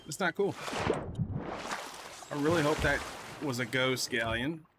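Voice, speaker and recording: Man, live game streamer, casual rambling chat, hiccups, clear boat and water sounds behind. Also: mid-range voice, a little slow, heavy background noise. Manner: rambling, self-correcting, chatty with viewers.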